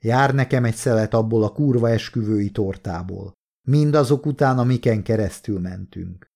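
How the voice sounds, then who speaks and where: A man voicing a brash, profane young male soldier who wisecracks and yells in an audiobook. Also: on the low side, gravelly. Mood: cocky. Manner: profane, shouting, cocky.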